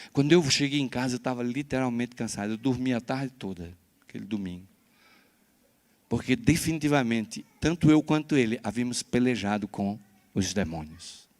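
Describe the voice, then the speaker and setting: A male pastor preaching a church sermon and telling a personal story, swinging between hushed confession and loud exhortation. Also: medium pitch. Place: church service.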